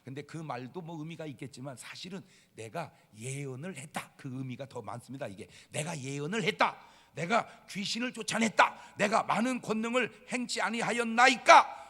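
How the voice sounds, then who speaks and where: A male pastor delivers an emphatic, dramatic sermon, his high voice swinging widely in pitch. His tone is husky, and a long reverb trails each phrase through the large church sanctuary. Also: animated, normal speed, bright, forceful tone. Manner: emphatic, dramatic, rhetorical questions.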